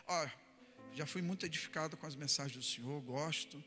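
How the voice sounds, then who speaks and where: A man with a Brazilian Portuguese accent, a pastor preaching a sermon in a church hall and acting out everyday examples with lively energy. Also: a little high, brisk, faint music behind.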